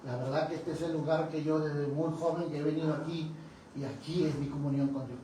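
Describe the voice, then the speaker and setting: A man's voice: a little high, fairly even intonation, brisk. A man, a pastor giving a testimony sermon who tells the story dramatically and acts out the dialogue. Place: church hall. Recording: very echoey, distant, noisy church room.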